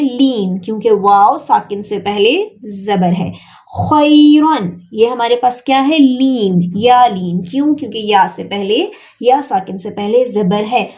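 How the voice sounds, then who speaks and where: A woman teacher leads an online Quran reading lesson, with a slightly high voice and a slow, deliberate pace. She lays out each rule step by step and stretches the example words out carefully. The recording sounds a little dull and lo-fi. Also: darkish tone.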